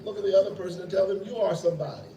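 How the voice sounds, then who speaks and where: A man's voice: high-pitched, rapid-fire, over a noisy crowd. A man, a reverend, leading a short prayer at a rally in a preacherly way and asking listeners to repeat his words. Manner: preacherly, calls on listeners to repeat after him. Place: indoor hall at a rally. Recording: echoey hall, distant mic, noisy.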